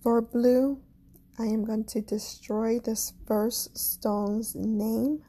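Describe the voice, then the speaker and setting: A woman with a Caribbean accent hosting a spiritual podcast, talking slowly and gently with self-deprecating asides. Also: on the high side, steady tone, husky. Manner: slow, gentle and self-deprecating, with soft laughs. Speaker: podcast host, astrology and crystal reader. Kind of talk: casual spiritual podcast monologue.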